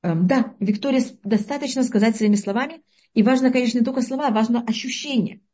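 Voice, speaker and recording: Her voice sits on the high side, warm and husky, as she leads a religious lesson. The Uzbek teacher explains at a slow pace, gropes for words now and then, and questions her listeners.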